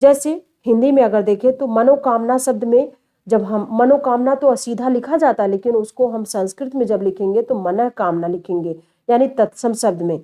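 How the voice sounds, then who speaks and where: Female teacher, slightly high voice, mellow and dark, patient repeating explainer. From India. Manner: explains step by step and repeats key terms, addressing students as children. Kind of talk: classroom lecture.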